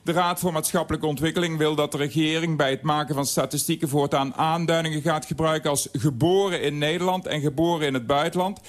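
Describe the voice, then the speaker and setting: A man with a slightly raised voice reads his scripted column at a studio microphone. His delivery is wry and dryly humorous. He tells anecdotes and asides in an even, measured way. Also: fairly high pitch. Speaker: radio columnist. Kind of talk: reading a scripted radio column.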